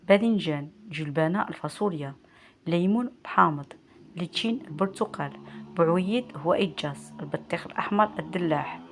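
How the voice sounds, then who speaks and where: A woman with a Moroccan accent and a lowish voice teaches vocabulary as a language teacher. She reads word lists slowly and clearly, repeating each word beside its standard equivalent. A little hiss or hum can be heard.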